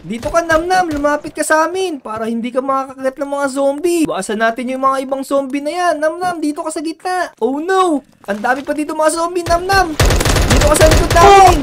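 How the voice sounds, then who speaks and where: A woman hosting and leading a game role-play, talking in an urgent, bossy, excitable way. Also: sits high, fairly quick, slight background noise. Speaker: host and lead player.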